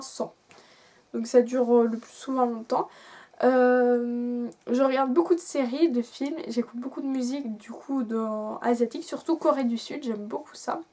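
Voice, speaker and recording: Casting: young woman, high voice, loose rambling vlog chat. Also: a little mellow. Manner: rambling, frequent fillers and restarts. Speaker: vlogger. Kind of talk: casual chat to camera.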